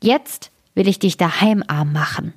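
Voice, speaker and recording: A woman reading a fairy tale aloud, voicing a bold, vengeful male sparrow in a high, sharp, taunting tone. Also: unhurried, slightly rough, no echo, clean studio sound. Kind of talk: storybook reading.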